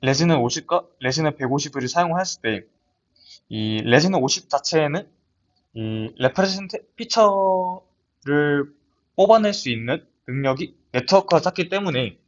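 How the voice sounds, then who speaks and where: In a lab seminar, a young student presents a research paper in a fairly high, slightly slow voice with lively intonation. He speaks hesitantly, with frequent restarts and fillers, and the audio is dull and lo-fi.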